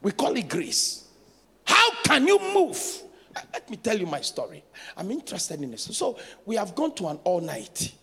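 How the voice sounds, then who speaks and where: A bishop preaching in a big church hall, his high, gravelly voice swinging widely in pitch. He tells stories and calls out to the congregation, with long reverb and soft music underneath. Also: wildly swooping pitch, normal speed. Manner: storytelling with laughs and call-outs to the congregation. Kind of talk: sermon.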